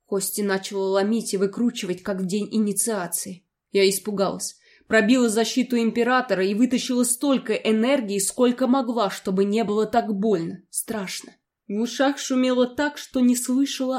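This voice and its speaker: A woman narrating a first-person fantasy audiobook in an expressive, dramatic way. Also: a little high, moderate pace.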